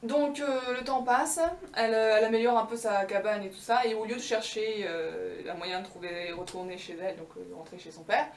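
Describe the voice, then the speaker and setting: A woman's voice: mid-range voice, steady tone, fairly quick, hardly any pauses, roomy sound, distant mic, slight background noise. A young woman casually retelling a fairy tale with slangy, ironic asides and many fillers. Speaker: storyteller.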